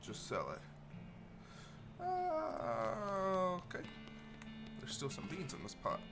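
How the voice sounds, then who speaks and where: A man's voice: high-pitched, huge pitch swings, slow, vocal fry, music in the background. A man giving casual commentary on a video game playthrough, mumbling asides and reading on-screen text aloud.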